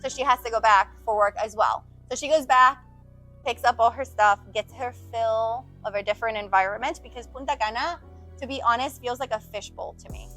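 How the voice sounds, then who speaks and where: A woman's voice: fairly high pitch, faint music behind. A woman raised in the United States, chatting casually and animatedly as a guest answering viewer questions. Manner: animated, quick storytelling with emphatic swings. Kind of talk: casual chat.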